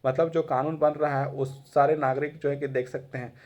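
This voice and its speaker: Teacher, somewhat high voice. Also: male voice, level tone, moderate pace, darkish tone, highs cut off. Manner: conversational, repeats phrases for emphasis. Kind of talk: classroom lecture.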